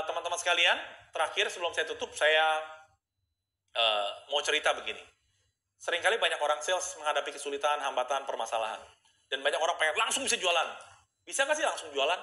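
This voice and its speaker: A man coaches his audience on sales in a quick, bright voice, talking straight to the viewers. His pitch sits a little high, and the phone live stream catches a roomy echo. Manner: energetic, addresses viewers directly. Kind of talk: casual live-stream talk.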